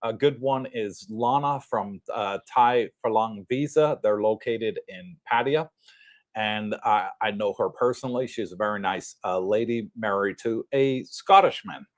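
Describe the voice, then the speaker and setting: A man around sixty co-hosting a casual livestream, talking in a relaxed, rambling way with frequent chuckles. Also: fairly low pitch, unhurried. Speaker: livestream co-host.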